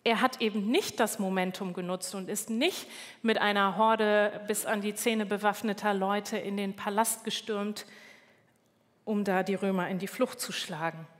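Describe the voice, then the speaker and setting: A woman giving a sermon in a calm, measured way, now and then correcting herself. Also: medium pitch, long reverb tail. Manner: calm, measured, with small slips and self-corrections. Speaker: preacher.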